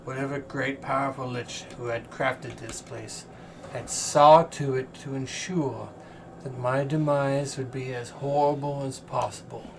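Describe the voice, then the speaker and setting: A man voicing a blinded, imprisoned ancient angel in a tabletop role-play, speaking in slow, formal pronouncements. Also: mid-range voice, fairly even intonation, creaky, rough recording. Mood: grave, solemn. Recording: room recording with faint background noise.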